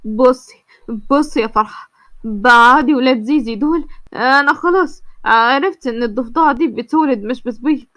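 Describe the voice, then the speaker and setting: A woman's voice: sits high, normal speed, fairly bright tone, no room sound. A woman voicing a terrified young man with an Egyptian accent who stammers and pleads. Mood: pleading. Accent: Egyptian Arabic.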